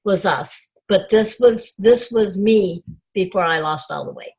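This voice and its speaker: An older woman telling a personal story to a support group over a video call, pausing often with fillers. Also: medium pitch, a little mellow, rough recording. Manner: halting, many fillers. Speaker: group member.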